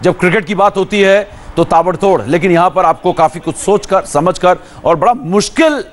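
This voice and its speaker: Male tv sports anchor, high voice, emphatic, energetic. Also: normal speed. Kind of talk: TV news anchoring.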